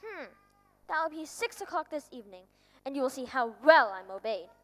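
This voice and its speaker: Bossy old king on a stage, high bright voice, echoing hall. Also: very animated, a little fast. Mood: regal. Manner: pompous, commanding. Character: pompous old male king on a throne. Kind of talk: stage play performance. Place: school auditorium stage. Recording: long hall reverb on stage.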